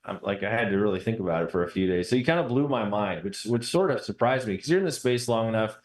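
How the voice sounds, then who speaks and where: A man's voice: fairly low pitch, lively intonation, fast. A man chatting casually as a publisher, explaining things in a reflective way. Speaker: guest, book publisher. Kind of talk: casual conversation. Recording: roomy, echoing sound.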